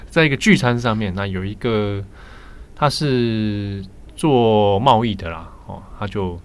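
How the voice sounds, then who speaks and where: A man with a Taiwanese Mandarin accent, hosting a podcast and telling stories in a relaxed, chatty way. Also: lowish voice, slow pace. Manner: chatty storytelling, laughs easily. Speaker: podcast host. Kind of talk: casual chat.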